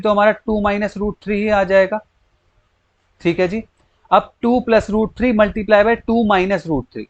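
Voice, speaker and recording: A young man teaching a maths lesson, explaining each step slowly and asking the class rhetorical questions. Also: sits high, no room sound. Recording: dull lo-fi dry recording.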